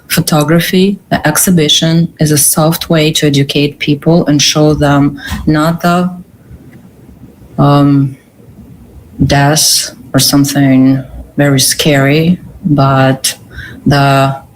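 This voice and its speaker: A woman with a Ukrainian accent, a curator answering interview questions earnestly, pausing and restarting often. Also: sits low, fairly even intonation, slight background noise, low-quality recording. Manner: earnest, halting with pauses and restarts. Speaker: guest, curator.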